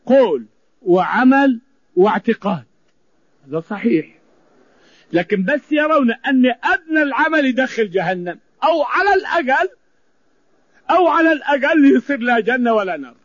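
A male preacher delivers a sermon in a high voice. He drives his points home by repeating phrases. The recording is dry and dull, lo-fi in quality. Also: animated, normal speed, no echo. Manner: emphatic, repeating phrases for stress.

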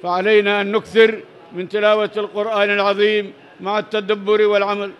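A man with a high voice reads religious texts aloud in a level, even tone, keeping his pitch narrow. He works through each chain of narrators and then explains the text in plain words, adding short prayers as he goes. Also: quick pace, clear, resonant tone. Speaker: Islamic teacher reading hadith.

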